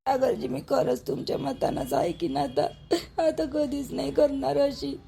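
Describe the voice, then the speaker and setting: A woman's voice: high voice, big pitch swings, measured pace, gravelly, warm tone, slight background noise, full character voice. A woman playing a tearful young daughter-in-law pleading with her husband, crying, in a Vidarbha Marathi dialect. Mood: earnest. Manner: pleading, apologetic.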